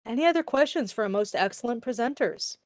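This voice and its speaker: A woman's voice: fairly high pitch, animated, quick pace, dry recording. A woman hosting a virtual club meeting, friendly and chatty, talking over a video call. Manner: friendly, chatty, says y'all.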